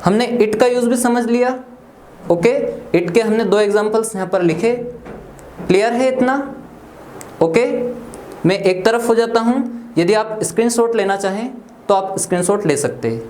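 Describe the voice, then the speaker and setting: A man's voice: sits high, normal speed, a little mellow. A man teaching an English lesson to students, spelling words letter by letter and often checking that they follow. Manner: checks understanding with frequent "theek" and "clear hai". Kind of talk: classroom lecture. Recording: echoey room, faint room noise.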